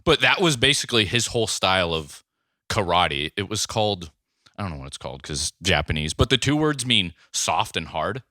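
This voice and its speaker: A man's voice: deep voice, very animated, moderate pace, sharp tone, no room sound, clean studio sound. A man co-hosting a casual podcast chat, rambling through an explanation and breaking into laughter. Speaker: podcast co-host.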